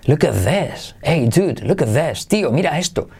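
A man hosting a podcast pronunciation lesson, energetic and drilling each word by slow repetition. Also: a little high, gravelly, husky. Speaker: English pronunciation teacher, podcast host.

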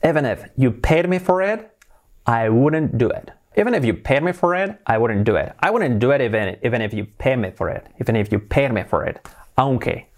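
A young man with a Spanish accent, a native Spanish speaker, gives a casual video lesson, mixing Spanish explanations with slow, repeated English examples. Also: medium pitch, lively intonation. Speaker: English teacher.

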